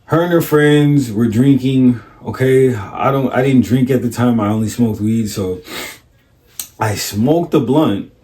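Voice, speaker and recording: A man's voice: medium pitch, a little slow, mellow. A man, a life coach, telling a personal story in casual, blunt, profane talk, often checking in with "right?" and acting out the other people's lines. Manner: acts out other people's voices in his stories.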